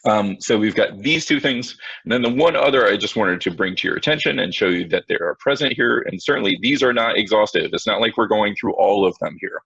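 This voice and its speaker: A male teacher leads an online class in a low, gravelly, slightly husky voice. He talks to his students directly, casual and self-mocking. The sound is dry and a bit dull, like computer audio from a video call. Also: a little fast, hardly any pauses, a bit bright, no echo. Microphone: computer mic on video call.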